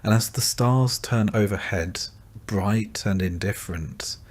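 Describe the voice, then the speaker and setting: A man with a somewhat low voice reads a scripted bedtime story. He speaks calmly and gently, addressing the listener as "you" throughout. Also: measured pace. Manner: calm, gentle second-person storytelling. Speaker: sleep story narrator.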